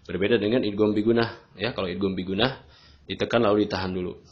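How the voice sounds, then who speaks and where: A man teaching tajweed rules patiently, often pausing on "nah, gitu ya" as he explains. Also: fairly low pitch, steady tone. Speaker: Quran recitation teacher. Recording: dull lo-fi recording.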